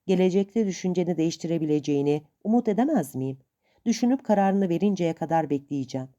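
A woman voicing a shy, timid young man who speaks hesitantly and softly in a storybook reading. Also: fairly low pitch, expressive, quick pace, muffled recording, close to an everyday voice. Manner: hesitant, soft-spoken.

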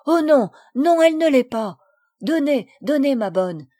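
A woman's voice: a little high, unhurried, darkish tone, lightly acted. A woman voicing a brave, tender young girl who urges and soothes, in a storybook reading. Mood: urgent, pleading. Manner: urgent, soothing.

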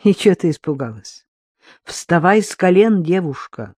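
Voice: medium pitch, lively intonation, a little slow, darkish tone, dry recording, clean studio sound. A reader doing a mocking, theatrical man. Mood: teasing. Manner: mocking, showy. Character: joking, theatrical middle-aged man. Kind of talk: audiobook character reading.

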